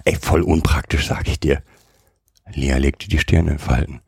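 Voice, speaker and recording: A chubby little gnome croaks and grumbles in brash street slang, put on by a man reading a storybook aloud. His voice sits very deep and gravelly, dark and husky. The sound is dry and close. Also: fairly even intonation, measured pace, dry recording, heavily acted. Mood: grumpy, cheeky. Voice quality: croaky, says "ey" constantly. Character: cheeky little fat male gnome, slangy.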